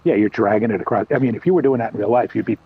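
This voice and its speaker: A man's voice: on the low side, very fast, husky. A man hosting a game stream, chatting casually and in a laid-back way with his co-players. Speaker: streamer host. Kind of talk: casual gameplay chat. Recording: dull lo-fi mic.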